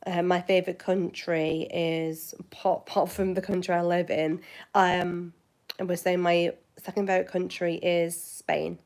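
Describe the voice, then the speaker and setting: Here a channel host from West Yorkshire, England, talks informally with her viewers in a Yorkshire accent, wandering through her answers with lots of fillers and false starts. She sounds lowish and somewhat dark, unhurried, with little movement in pitch.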